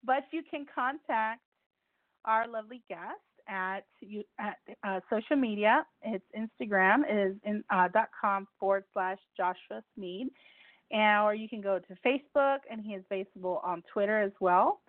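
At a moderate pace and medium pitch, a woman whose native tongue is Spanish hosts a casual call-in show on the radio. Her talk is chatty, with repeated details and verbal stumbles, captured dry over a tinny phone line.

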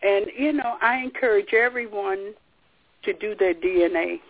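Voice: medium pitch, moderate pace. A guest on a radio interview who talks in a rambling, hesitant way with many restarts. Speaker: call-in guest. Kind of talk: casual radio interview chat. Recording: tinny phone line.

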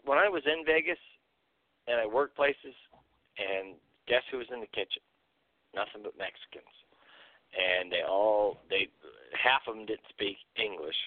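Ranty dude cursing nonstop on a podcast, tinny dry line. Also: male voice, fairly low pitch, no echo. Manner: ranting, blunt, swears a lot. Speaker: podcast co-host. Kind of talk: profane casual chat.

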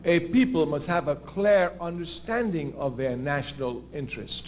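This caller's voice is a little high, with lively intonation and a moderate pace. He makes an impassioned, emphatic political argument on call-in radio, repeating key phrases, all heard through a tinny phone connection with faint hiss.

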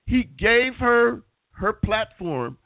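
A man's voice: high voice, very animated, slow pace. A man with a nasal voice from being sick, hosting an internet call-in radio show with casual, rambling talk. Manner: rambling with many restarts. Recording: tinny phone-line sound.

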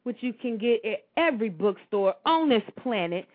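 A woman's voice: a little high, lively intonation, moderate pace. Affirming woman host, tinny phone sound. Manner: affirming, familiar, slangy. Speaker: radio show host and writer. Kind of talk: casual interview chat.

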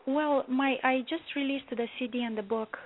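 A woman's voice: sits high, normal speed. A woman from Romania, a singer being interviewed on a phone-in show, chatty and full of restarts. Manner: chatty, restarts a lot, laughs often. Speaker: guest singer. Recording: tinny phone line.

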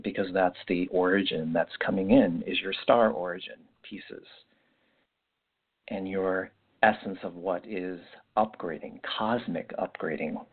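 A man hosting a podcast, giving a slow, meandering spiritual guidance talk that repeats words, recorded without his usual microphone so he sounds echoey. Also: low voice. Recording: echoey, tinny phone-like sound.

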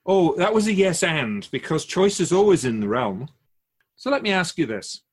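A man plays a patient, otherworldly guardian of souls for a radio drama, his husky voice pitched on the high side and swinging widely in pitch. He asks probing questions in a measured way.

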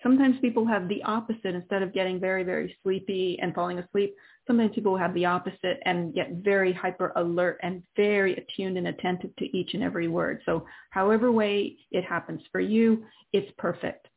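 A woman's voice: lowish voice, fairly even intonation, brisk, breathy edge. Muffled, phone-like woman guiding meditation. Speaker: guided healing meditation host. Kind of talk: guided meditation narration. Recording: narrow phone-like band, muffled.

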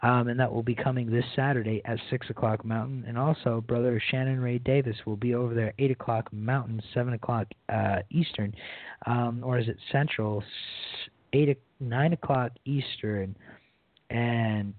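A man's voice: medium pitch, steady tone, normal speed, no echo. A man preaching an informal radio sermon in an earnest way, repeating his phrases and calling listeners brothers and sisters, heard over a phone line. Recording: dry, tinny phone-line sound.

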